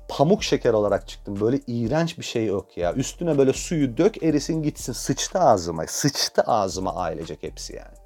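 A young man spins a comic personal tale on his podcast, mocking himself and swearing freely. His voice sits in an ordinary male pitch range. Faint music plays behind him. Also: a little mellow. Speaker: podcast host. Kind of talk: comic personal storytelling monologue.

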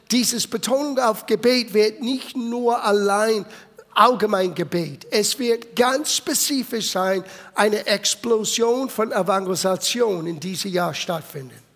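Male pastor, English-accented German, emphatic sermon delivery, gravelly high voice, echoing church hall. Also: unhurried. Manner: emphatic, swings between loud urging and quiet low asides. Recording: long reverb of a church hall.

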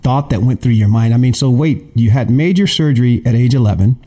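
Male host, very dark mellow tone, supportive interviewer with restarts. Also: medium pitch, brisk. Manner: supportive, probing, stumbling restarts. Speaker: podcast host. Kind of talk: interview questions.

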